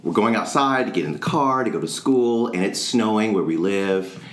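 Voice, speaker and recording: A man co-hosting a podcast as a pastor, chatting casually in a reflective, halting way. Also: lowish voice, expressive. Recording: roomy echo with faint background noise.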